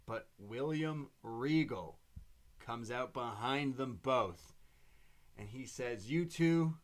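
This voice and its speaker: A man co-hosting a wrestling podcast, retelling a show in quick, animated play-by-play. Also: medium pitch. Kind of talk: casual show recap chat.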